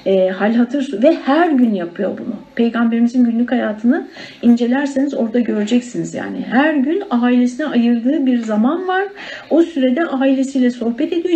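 A woman's voice: on the high side, mellow, low-quality recording. A woman teaching a religious study circle in a conversational way, often turning to her listeners as friends. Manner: conversational, addresses listeners as friends, many fillers.

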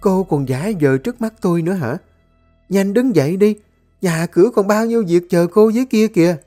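A storyteller voicing a cruel, domineering older mother-in-law who scolds and shouts. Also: mid-range voice, animated, fast, faint music behind, pitched above the performer's own voice, lightly acted. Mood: scolding.

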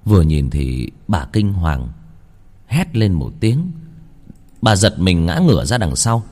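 Male ghost-story narrator, low and husky, lively dramatic swings, faint music bed. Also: slow.

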